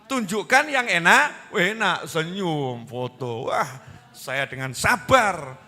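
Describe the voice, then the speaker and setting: Lively Javanese-accented man preaching. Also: on the high side, takes it slowly, big-room sound. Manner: lively, animated, asks the audience questions. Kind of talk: sermon.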